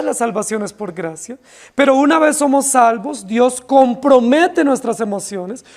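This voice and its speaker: A pastor from Colombia preaching an impassioned, pleading expository sermon to his congregation, often dropping his voice low on key words. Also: creaky, darkish tone. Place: church congregation.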